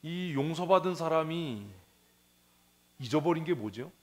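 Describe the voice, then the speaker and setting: A man's voice: on the high side, lively intonation, measured pace. A man pastor giving a sermon in church, telling a parable in a conversational way, acting out its characters and asking the congregation questions. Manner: conversational preaching, acts out the parable's voices, asks the congregation questions. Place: church sanctuary.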